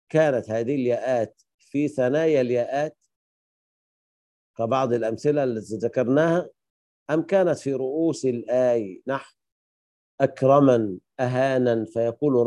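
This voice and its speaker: A man teaching Quran recitation rules, slowing down to chant the quoted verses. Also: medium pitch, mellow, no room sound. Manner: slows to chant quoted verses, mixes in Egyptian colloquial asides.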